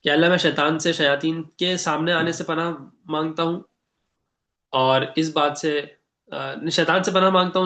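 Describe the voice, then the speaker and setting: A man with a Pakistani Urdu accent teaching an online Quran class in a conversational way, often checking with students and reciting prayers slowly. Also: fairly high pitch, a bit bright. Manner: conversational, asks the class questions. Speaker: religious teacher.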